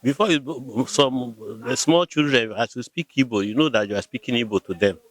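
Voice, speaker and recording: This local from Rivers State, Nigeria, patiently answers interview questions about his community in a conversational way, hesitant and often repeating words. He speaks at normal speed in a medium-pitched voice.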